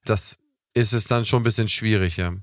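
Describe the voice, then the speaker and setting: Speaking at a normal speed in a steady, fairly low voice, a young podcast host chats through long explanations on his casual talk show. He leans on fillers such as "ne?" and "was weiß ich", and the sound is clean studio audio with no room sound.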